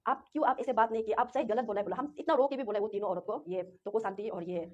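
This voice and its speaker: A young woman from Arunachal Pradesh in Northeast India, whose first language is a local tongue, speaks as an interviewee at a quick pace and medium pitch. She gives a rambling, repetitive, distressed first-person retelling, captured on a dull lo-fi recording.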